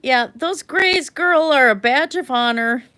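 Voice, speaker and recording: A middle-aged woman whose first language was German hosts an art livestream, chatting casually with viewers, rambling, laughing often and letting her sentences trail off softly. Her voice is high with lively intonation, at a measured pace.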